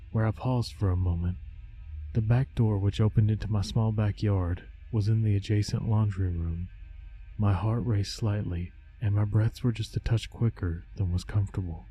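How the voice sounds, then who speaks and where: A man reads a scripted scary story in the first person. His voice is low and very dark, with a soft, mellow edge. The delivery is haunting and measured, with faint music underneath. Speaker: horror story narrator. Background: background music.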